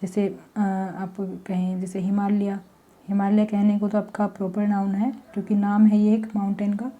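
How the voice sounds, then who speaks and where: Dark-voiced woman teaching grammar. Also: mid-range voice, flat delivery, dull audio. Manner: slow, explaining step by step with examples. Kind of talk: spoken grammar lesson.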